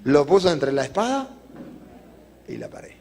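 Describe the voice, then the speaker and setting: A man's voice: on the high side, a little slow, creaky. A man giving a parish catechesis talk, telling the story with acted-out voices. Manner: animated storytelling, acting out voices. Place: parish retreat hall. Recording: reverberant hall.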